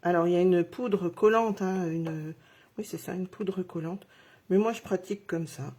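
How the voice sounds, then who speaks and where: A middle-aged woman talks viewers through a craft project live, narrating each step as she works. Her voice is warm and mellow with a slightly husky, breathy edge. She speaks in a chatty, encouraging way, addressing her audience directly. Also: on the low side, moderate pace. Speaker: craft demonstrator.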